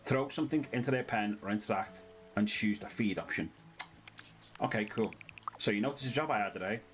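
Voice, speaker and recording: A man's voice: on the low side, brisk, faint music behind, rough recording. A British man doing casual let's-play commentary, chatty and reading the game's text aloud in a sing-song way. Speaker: gaming channel host.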